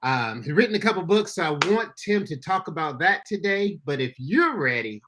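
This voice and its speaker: A man's voice: high voice, very animated, a little fast, background noise. A man, a pastor, hosting a casual podcast chat in an upbeat, folksy way, talking to listeners as y'all. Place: Florida.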